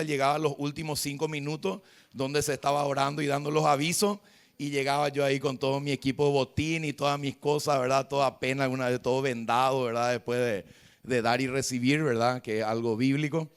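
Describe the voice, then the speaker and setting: A man preaches to his church, telling his story in a voice that sits at an ordinary middle pitch. He tags his sentences with a questioning "right?", then swings between loud exclamations and quiet, confessional passages. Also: fairly even intonation, brisk, smooth. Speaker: pastor. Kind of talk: preached sermon with personal story. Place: church service before a congregation.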